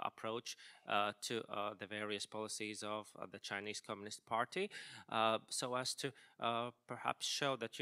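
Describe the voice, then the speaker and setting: Hesitant man with a bright voice. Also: lowish voice, clean tone. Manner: hesitant, many filler sounds. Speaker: panelist. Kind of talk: panel discussion remarks.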